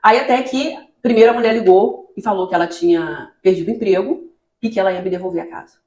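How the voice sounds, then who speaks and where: Fast-talking Brazilian woman pastor, echoey room. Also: mid-range voice. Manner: lively storytelling, acting out her own dialogue with God. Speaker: pastor, children's ministry leader. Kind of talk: testimony in a church podcast interview.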